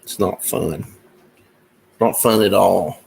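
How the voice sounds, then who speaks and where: Here a low, slow-paced male voice with vocal fry and a breathy edge chats to his viewers, somewhat mellow in tone. He's a musician and comic creator, meandering through talk of his music and projects with many fillers, casually, to camera.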